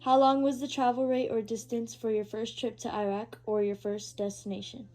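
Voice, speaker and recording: A woman interviewing her uncle at his house, reading prepared questions in a steady, formal way. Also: a little high, normal speed. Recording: poor quality home recording.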